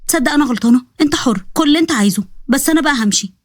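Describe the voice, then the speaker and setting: A woman's voice: sits high, expressive, racing, no echo, clean studio sound. Haneen, a feisty young Egyptian shop owner, read by a woman. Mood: curt. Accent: Egyptian Arabic. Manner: feisty, snappy retorts. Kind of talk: storybook dialogue reading.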